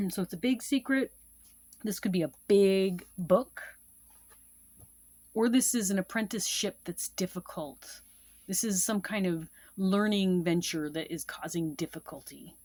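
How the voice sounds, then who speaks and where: A woman's voice: lowish voice, darkish tone, no room sound. A woman casually teaching card-reading meanings, repeating each point with fillers and asides. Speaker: tarot and Lenormand card reader teaching. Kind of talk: casual instructional explanation.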